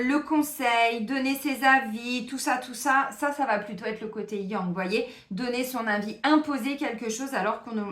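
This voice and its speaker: A woman's voice: fairly high pitch, fairly bright tone, echoey room. A woman doing a casual weekly card reading, a therapist who chats directly to her viewers with many fillers. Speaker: tarot card reader and therapist.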